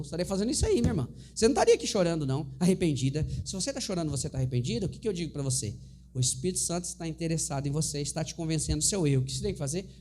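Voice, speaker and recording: A man's voice: sits high, darkish tone, a little hiss or hum. A male pastor preaching a sermon in a church, telling a story and pleading earnestly with his listeners.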